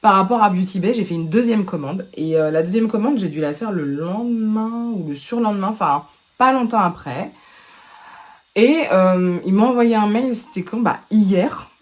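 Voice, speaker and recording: A woman beauty vlogger, hoarse from a sore throat, chatting casually to camera at home with lots of hesitations. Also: medium pitch, normal speed. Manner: chatty, rambling, many hesitations. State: hoarse from laryngitis. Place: at home indoors.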